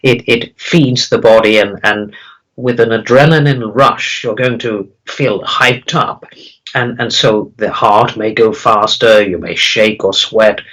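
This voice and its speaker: A man speaking as a calm spirit guide in a seance medium's channeling session, teaching solemnly in halting, repeated phrases. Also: on the low side, rough recording. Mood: instructive, earnest. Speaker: trance channeler answering questions as a spirit guide.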